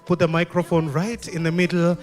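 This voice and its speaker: A man's voice: fairly high pitch, flat delivery, fairly quick. A man hosting an event informally, addressing guests directly. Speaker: event host. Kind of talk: informal hosting with a roaming mic.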